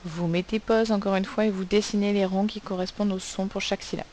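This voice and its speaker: A woman's voice: medium pitch, steady tone, fast talker, darkish tone, a little hiss or hum, low-quality recording. A woman teacher giving a recorded spelling lesson to children, patiently spelling words out sound by sound. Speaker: primary school teacher.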